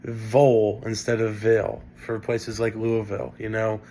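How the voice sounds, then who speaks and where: A man's voice: fairly low pitch, completely flat delivery, moderate pace, darkish tone, a little hiss or hum. A young man from northern Indiana with a Great Lakes Midwestern accent, giving a casual spoken class presentation full of fillers. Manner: casual, many fillers and restarts. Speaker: student presenting a class assignment.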